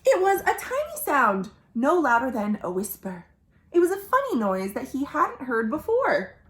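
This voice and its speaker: A storytime host with a high voice reads a picture book aloud to young children, animated and full of dramatic pauses and questions for her listeners. The room is roomy, with echoing indoor sound.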